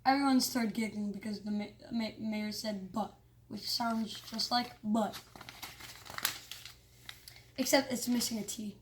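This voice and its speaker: Someone with a high-pitched voice reads a children's story aloud, animated but halting, with small stumbles.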